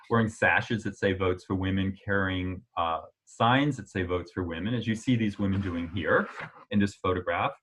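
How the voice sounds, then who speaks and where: A man giving an illustrated history lecture in a relaxed, conversational way, with frequent "uh" fillers and sudden jumps in pitch for emphasis. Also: husky.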